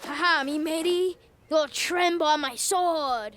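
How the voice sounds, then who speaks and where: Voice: sits high, unhurried, a little hiss or hum. An actor playing a playful, squabbling small child in a children's cartoon. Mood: playful swagger. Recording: loud music behind the voice.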